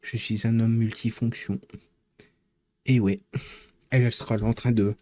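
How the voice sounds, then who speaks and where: A man's voice: fairly low pitch, little pitch movement, moderate pace, mellow. A man chatting casually with his live-stream viewers, rambling and joking as he teases the chat.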